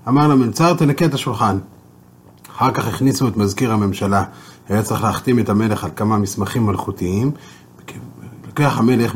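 A man with a husky, slightly breathy voice teaches a Torah lesson. He explains sources and tells a long tale at an even storytelling pace. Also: mid-range voice.

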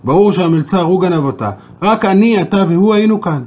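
A haughty storybook king shouts his accusations in a high, loud, husky voice, as a man puts him on. He scolds and accuses, pushing his pitch well above his usual speech. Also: animated. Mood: furious. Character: angry, haughty gentile king.

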